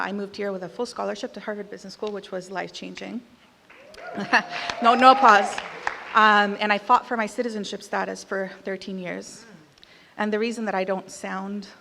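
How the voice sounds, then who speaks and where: This award speaker's mid-range voice is gravelly with a sharp tone, heard over slight background noise. A Costa Rican woman in her thirties with an American accent, she delivers a candid, conversational speech with some emphatic punches in a large hall with lots of reverb.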